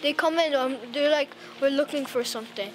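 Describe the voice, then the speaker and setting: A woman's voice: high voice, fairly quick, a little hiss or hum. Young woman telling a story, chatty. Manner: chatty, peppered with "like". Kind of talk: casual storytelling.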